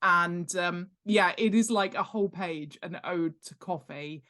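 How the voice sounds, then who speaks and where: A middle-aged woman, a guest author and world-building expert, explains things informally in an interview, her voice low and unhurried. She's animated and emphatic, often checking in with "right?" and "okay?".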